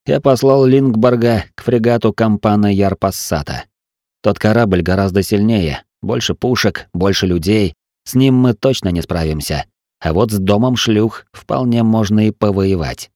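Low-voiced man reading an adventure story. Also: no echo, clean studio sound. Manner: steady, dramatic storytelling. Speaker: audiobook narrator. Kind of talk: first-person adventure narration.

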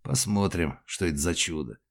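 A man's voice: deep voice, moderate pace. A man voicing a curt, stern investigator. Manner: curt, dry questioning. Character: stern middle-aged male investigator, dry and curt. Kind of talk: audiobook character voice.

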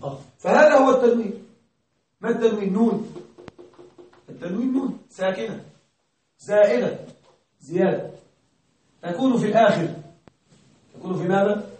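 A man teaching grammar to a class, his fairly high voice picked up from well back in a strongly echoing room. He keeps questioning the students and checks they are with him. He repeats the key words slowly. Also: a little mellow. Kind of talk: classroom lesson. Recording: very echoey room, distant mic.

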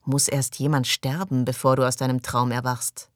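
A woman reading an audiobook, voicing a stern, grim grown man who speaks curtly and gravely. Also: rumbling low, flat delivery, normal speed, no echo, studio quality.

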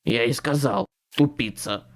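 A man's voice: on the high side, fairly quick, natural voice. A man voicing a curt, blunt man who hisses and mutters, in an audiobook. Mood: gruff.

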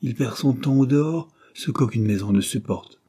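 A man's voice: mid-range voice, moderate pace, breathy edge, pitched above the performer's own voice, close to an everyday voice. A man playing a weary, wry family father. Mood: calm. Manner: calm, gently wry. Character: tired, patient middle-aged tutor and father, dry humor.

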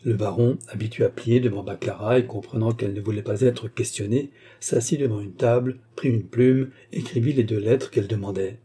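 A man narrating a classic novel as an audiobook, in a measured storytelling manner. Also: lowish voice, fairly even intonation, mellow, husky.

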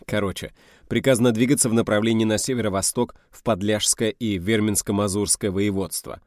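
A man's voice: lowish voice, fairly even intonation, brisk, a little mellow, no room sound, studio quality, lightly acted. A man reading the part of a curt, wry middle-aged army major giving orders in an audiobook. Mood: commanding.

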